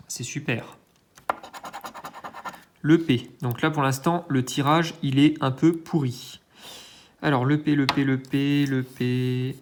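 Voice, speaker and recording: A man's voice: medium pitch, noisy background. A man hosting his own channel, giving hesitant, think-aloud commentary while scratching lottery tickets, with self-mocking asides and lots of filler sounds. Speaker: scratch-card channel host.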